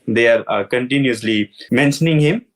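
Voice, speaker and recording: A man's voice: medium pitch, normal speed. A man from Pakistan hosting a podcast, asking questions hesitantly with many filler sounds. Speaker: podcast host. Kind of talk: interview questions.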